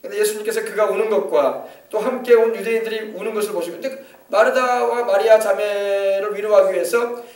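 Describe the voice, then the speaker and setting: A man's voice: sits high, fairly even intonation, fairly quick, a little mellow, roomy sound, far from the mic. A male pastor preaching a sermon with emphasis, often asking the congregation to confirm. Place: church sanctuary.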